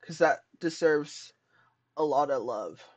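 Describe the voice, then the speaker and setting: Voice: medium pitch, slow. A podcast co-host chatting casually and playfully, with joking asides, on an online voice call.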